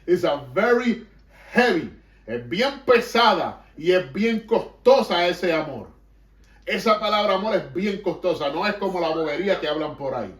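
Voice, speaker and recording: A pastor with a Puerto Rican accent preaches fervently and emphatically to his congregation, slipping between Spanish and English. His voice is high-pitched with lively intonation at a normal speed. The mic is distant in an echoey room.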